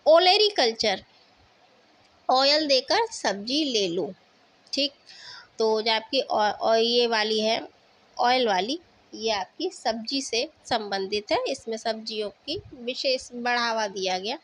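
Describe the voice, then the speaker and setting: A woman's voice: on the high side, lively intonation, slow, a bit bright. A woman teaching an exam-prep lesson with memory tricks, explaining patiently with fillers and questions to the viewer, and words spoken.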